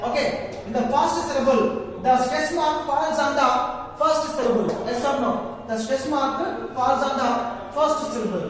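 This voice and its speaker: A high-voiced man with a Telugu accent, teaching a class in a slow, drawn-out way and repeating himself often. He is recorded from far off in a very echoey room with a long reverb tail. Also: fairly bright tone, slight background noise. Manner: repetitive, stretching words slowly, mixing English and Telugu. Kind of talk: classroom lesson.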